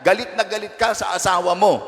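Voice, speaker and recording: A man's voice: sits high, steady tone, a little fast, creaky, a bit bright. A male parish priest giving a conversational homily in a church, teasing his listeners and asking them frequent rhetorical questions. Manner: playful, teasing asides. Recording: long church reverb.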